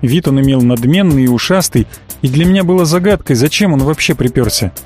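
A man's voice: fairly high pitch, lively intonation, brisk, darkish tone, faint music behind. A man narrating a first-person audiobook in a sardonic, mocking tone.

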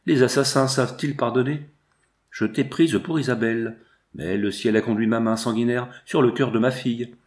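A man's voice: medium pitch, steady tone, normal speed, darkish tone, close to an everyday voice. A man voicing a middle-aged tyrant prince, anguished and accusing himself.

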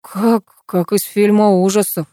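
A woman reading an audiobook, voicing a nervous, confused young man who speaks in a hushed, timid way. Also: medium pitch, steady tone, measured pace, no room sound, studio quality, natural voice. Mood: frightened whisper. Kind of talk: audiobook character voice.

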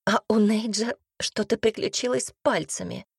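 A woman's voice: medium pitch, steady tone, normal speed, vocal fry, slightly rough, no room sound, clean studio sound. A woman voicing a worried woman singer in an audiobook, sighing and pleading. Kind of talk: audiobook character reading.

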